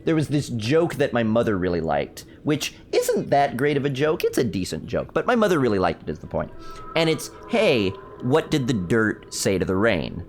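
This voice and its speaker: A man's voice: mid-range voice, sing-song, moderate pace, slight background noise. A young man chatting casually while streaming a survival game, rambling through stories and answering his chat. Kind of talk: casual gameplay commentary.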